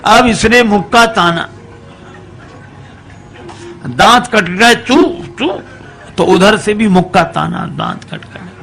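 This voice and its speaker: A male preacher tells a devotional folk story, mixing speech with sung verses. His voice is gravelly and a little high, and his delivery is very slow. Faint music plays in the background. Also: pushed and bright.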